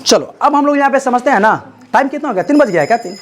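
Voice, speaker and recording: A man with an extremely high, expressive voice races through a chemistry class lecture, telling a joking story. He teases his students and keeps asking whether they understand, while a crowd is audible in the background.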